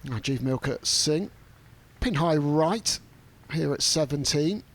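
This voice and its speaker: A man narrating golf highlights and commentating on the play as a sports broadcaster. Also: animated, slow.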